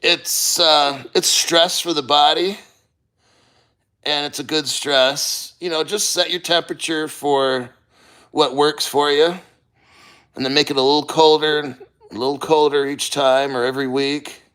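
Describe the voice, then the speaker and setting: A man chatting casually on a livestream, blunt and sweary, with halting, strained delivery and throat-clearing as he endures cold. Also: fairly high pitch, fairly even intonation, pushed and bright. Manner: halting, sighing, throat-clearing while enduring icy water. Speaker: livestreamer reading viewer comments.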